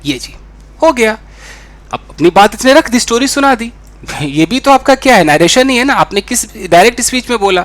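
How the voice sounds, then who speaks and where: A young man teaching a spoken English lesson in an animated way, acting out the dialogue he explains. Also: very high voice, normal speed, dry recording. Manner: animated, acts out quoted dialogue.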